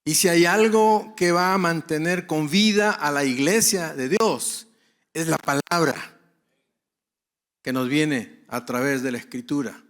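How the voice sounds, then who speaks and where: Speaking at a measured pace in a fairly high, somewhat bright voice, a male pastor addresses fellow pastors at a conference. He stresses key phrases by repeating them and asks and answers his own questions.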